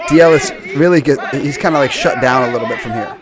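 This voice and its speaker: A man's voice: mid-range voice, fast talker, a crowd in the background. A middle-aged man giving casual, joking fight commentary in colloquial language with a co-host.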